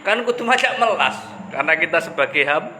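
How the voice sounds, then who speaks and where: A man's voice: fairly high pitch, expressive, brisk, pushed and bright. A man giving a casual religious talk, chatty and joking, mixing in local slang. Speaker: preacher. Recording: echoey room with background noise.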